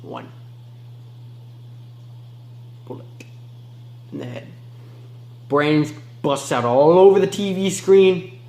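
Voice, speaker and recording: A man playing a remorseless male killer in an amateur film monologue, moving between low mutters and sharp outbursts. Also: animated, slow pace, reverberant. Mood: cold, detached. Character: remorseless male killer recounting his crimes.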